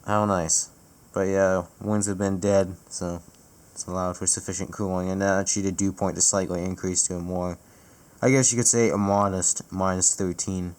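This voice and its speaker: A man's voice: sits low, little pitch movement, moderate pace. A young man, casually talking through the weather forecast as an amateur vlogger, swearing freely and often correcting himself. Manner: casual and profane, with frequent self-corrections. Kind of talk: casual chat.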